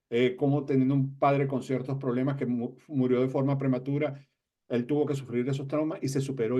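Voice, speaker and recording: A man's voice: medium pitch, dark tone, highs cut off. A man hosting an interview, greeting his audience and asking his guest a string of questions. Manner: welcoming, asks questions in a row. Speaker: interview host.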